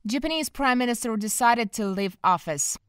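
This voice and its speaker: A woman presenter reading scripted economic news headlines in an even, measured newsreader delivery, recorded as a voice-over. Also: a little high, smooth, dry recording, clean studio sound.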